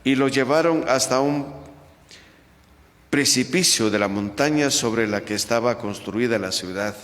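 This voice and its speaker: A man, a priest, proclaiming the Gospel at Mass in a slow, measured way, his voice ringing through a large church's cathedral echo. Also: medium pitch, a bit bright. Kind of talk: liturgical Gospel reading at Mass. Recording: long church reverb.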